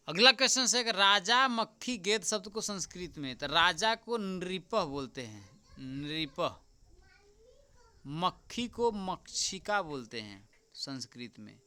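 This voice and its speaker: A man teaching as an exam tutor, going through a paper answer by answer, repeating the key answers slowly and often checking with "right?". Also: a little high, sharp tone, clear, resonant tone. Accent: Hindi. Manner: repeats answers slowly, keeps asking "ठीक?"; addresses viewers as friends.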